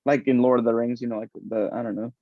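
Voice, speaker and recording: A man talking loosely on a podcast, animated and rambling, laughing often as he goes. The sound is dry and a little muffled, like a low-fi home recording. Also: quick pace, dry recording. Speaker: podcast guest. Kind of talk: casual chat.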